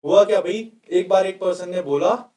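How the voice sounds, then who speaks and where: A male exam-prep teacher with a high voice explains a vocabulary lesson in a chatty way and keeps firing questions at his class. He sounds a little far from the mic, and his voice echoes around a bare room. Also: moderate pace, dark tone.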